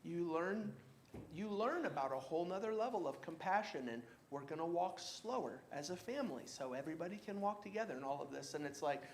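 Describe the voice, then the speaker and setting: A man teaching a church Bible class in a casual, halting way, with many fillers and restarts. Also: on the high side, lively intonation, slight background noise.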